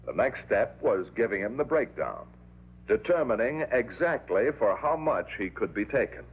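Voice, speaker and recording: An actor as a matter-of-fact narrator of a vintage crime show, reading scripted narration. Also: male voice, on the low side, very animated, moderate pace, husky. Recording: tinny old TV soundtrack.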